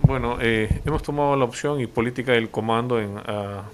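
A man speaks as a police officer in a local television interview. His delivery halts, with fillers and tag questions, at a middle pitch. Faint noise sits under the voice. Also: fairly quick.

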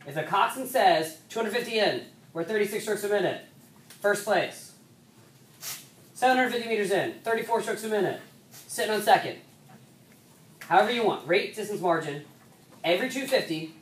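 Speaking to coxswains, a woman who coaches rowing explains in a casual, conversational style, her mid-range voice expressive. Sentences get restarted often, "so" crops up repeatedly, and some parts go briskly. A distant mic picks her up in an echoey room over faint background noise.

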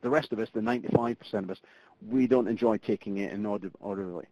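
A middle-aged man from Scotland runs a live webinar, speaking quickly at a fairly low pitch. The recording is dry and muffled like web conference audio, and he keeps things chatty with plenty of fillers and restarts.

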